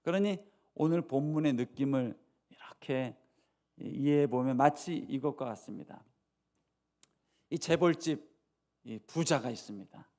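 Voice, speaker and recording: A man's voice: mid-range voice, unhurried, long pauses, a little mellow. A pastor preaching a sermon, in earnest, with his voice climbing sharply whenever he quotes someone.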